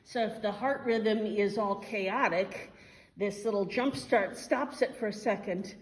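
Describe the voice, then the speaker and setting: A woman instructor giving an informal hands-on first aid demonstration, explaining step by step and halting as she thinks. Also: mid-range voice. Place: large reverberant room. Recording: echoey hall, faint background noise.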